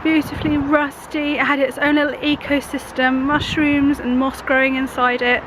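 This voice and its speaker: A woman, croaky from a cold, chatting rambly and casually in a camper van vlog. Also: high-pitched, little pitch movement, normal speed. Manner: chatty, rambling, self-interrupting. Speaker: craft vlogger. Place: inside a camper van on a busy main road. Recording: traffic noise from a main road. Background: road traffic noise.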